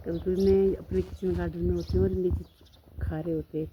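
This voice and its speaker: A woman's voice: lowish voice, flat delivery, brisk, lo-fi sound, slight background noise. Chatty woman cooing at her dogs. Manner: chatty, coos at the dogs in a raised sing-song voice. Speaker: vlogger filming her pet dogs. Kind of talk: casual narration while filming. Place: outdoors around her home and garden.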